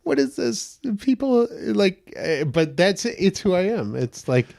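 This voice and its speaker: This guest actor speaks with a gentle, somewhat high and creaky voice, chatting casually on a podcast. He laughs a lot, spins animated anecdotes, and performs the lines he quotes.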